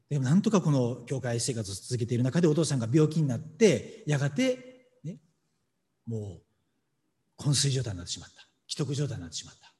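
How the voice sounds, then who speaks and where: Animated preaching man in a reverberant hall. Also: medium pitch. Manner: animated, emphatic preaching with dramatic pauses. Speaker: pastor. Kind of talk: sermon with scripture reading.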